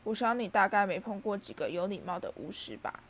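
A woman's voice: mid-range voice, animated, fairly quick, fairly bright tone, a little hiss or hum. A woman voicing a polite, nervous boy wizard in a storybook reading, speaking hesitantly.

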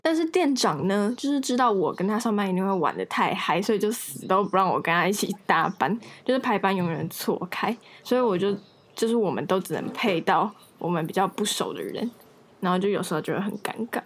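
A woman's voice: medium pitch, expressive, a little fast. A young woman with a Taiwanese Mandarin accent, chatting candidly in a casual podcast conversation. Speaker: podcast co-host. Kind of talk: casual chat.

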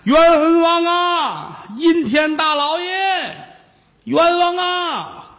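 A man voicing a shabby, mischievous old monk who shouts high and teases in a bossy way. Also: sing-song, normal speed, in a large hall. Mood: wailing.

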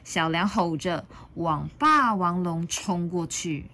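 A woman reading a picture book aloud as storyteller, expressive and pausing to ask listeners questions. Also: fairly low pitch, noisy background.

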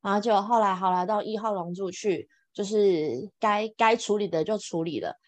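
Female podcast guest, expressive storyteller with excited high bursts, dry close sound. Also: normal speed, no echo. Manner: expressive, exclamatory, laughs often, jumps between high excited bursts and soft asides. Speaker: podcast guest, event planner. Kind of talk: animated personal storytelling.

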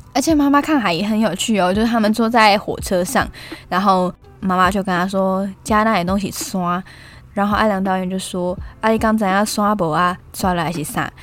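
Chatty Taiwanese Mandarin woman podcaster. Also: medium pitch. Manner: chatty retelling, acts out quotes. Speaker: podcast host. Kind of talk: casual film review podcast.

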